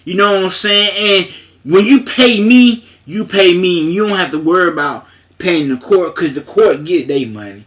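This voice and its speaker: A man talks in a loose, emphatic monologue, circling back to the same points and leaning on fillers. His voice sits high for a man and has a bright, forceful edge. He speaks with a way of talking. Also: animated, moderate pace. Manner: repetitive, emphatic, conversational with frequent fillers. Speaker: paralegal. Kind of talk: casual monologue to camera.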